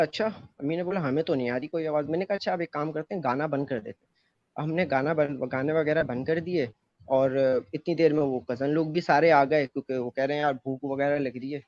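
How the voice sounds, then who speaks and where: A man's voice: fairly high pitch, a little mellow, no room sound. A man casually telling a story about his own experience, with many fillers and restarts. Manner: loose rambling retelling with many fillers. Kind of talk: casual first-person storytelling. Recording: dull, muffled, dry close mic.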